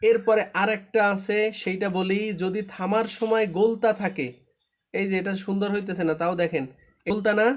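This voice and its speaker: A man's voice: high voice, steady tone, moderate pace. A man teaching Quran recitation in a live online class, patient and repetitive, often checking that students understand.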